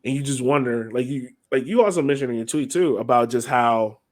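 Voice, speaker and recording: A man with a mid-range voice talks briskly while co-hosting a soccer podcast, chatting informally and casually about the game.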